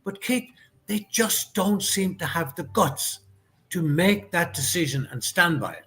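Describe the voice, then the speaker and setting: A man's voice: high-pitched, lively intonation, measured pace, a bit bright. Thoughtful ex-referee man on a call. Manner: thoughtful, questioning, with frequent ums. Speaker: guest and former top-level referee. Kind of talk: casual chat on a video call. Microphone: video call mic.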